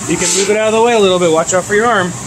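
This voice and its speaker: A woman teaching a child to cook at home, patiently giving safety tips and steady encouragement. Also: medium pitch, rapid-fire, background noise. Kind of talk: casual cooking instruction. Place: home kitchen. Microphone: handheld camera.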